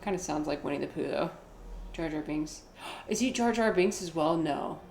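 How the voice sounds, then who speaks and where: A woman giving casual, rambling commentary as she plays a video game, with vocal fry in her voice. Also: sits low, expressive, normal speed, darkish tone, echoey room, a little hiss or hum. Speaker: streamer playing a video game.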